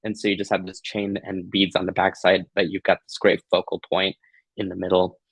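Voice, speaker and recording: Gushing, affectionate man hosting a craft tutorial, lowish voice. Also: flat delivery, a little fast, gravelly, breathy edge, dry recording, rough recording. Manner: giggly, playful.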